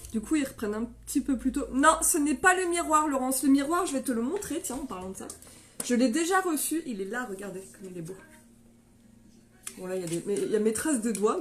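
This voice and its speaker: A bright, high-pitched woman in her thirties talks with bubbly excitement, greeting viewers one by one on a casual live stream. Her nose is stuffed up from a sinus infection, which gives her voice a congested edge.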